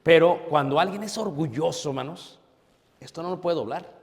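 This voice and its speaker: A man preaches in a fairly high voice, with a long echo from the church hall around him. He fires rhetorical questions at the congregation and answers them himself. His voice swings from forceful to a near hush. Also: moderate pace, vocal fry. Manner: emphatic, with rhetorical questions and sudden drops to a hush. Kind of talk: sermon.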